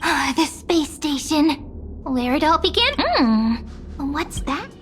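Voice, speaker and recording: A woman's voice: sits high, big pitch swings, slow, slight background noise, full character voice. A woman voicing a cute, playful memory sprite in a video game, with a tender, teasing and theatrical delivery. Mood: tender, nostalgic. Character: cute, playful female memo sprite companion, gentle and teasing. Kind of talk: scripted game character acting.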